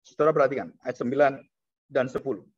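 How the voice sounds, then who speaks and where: At a quick pace, a man preaching as a pastor animates his sermon by lifting his voice high to portray scared people and dropping it low for grave points. The recording sounds dull and lo-fi.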